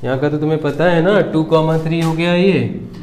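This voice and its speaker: A man teaching a school maths lesson, working through a problem one step at a time. His voice sits a little high for a man. The room around him is echoey. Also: fairly even intonation, moderate pace, darkish tone, slight background noise. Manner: talks students through each step, checking with them. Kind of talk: board-exam maths lesson.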